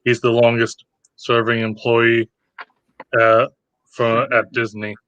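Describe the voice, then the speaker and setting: A man's voice: mid-range voice, completely flat delivery, slow, a bit bright, clean tone, no room sound, muffled recording. A man chatting casually as a podcast panelist, sharing bits of information. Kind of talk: casual chat sharing trivia.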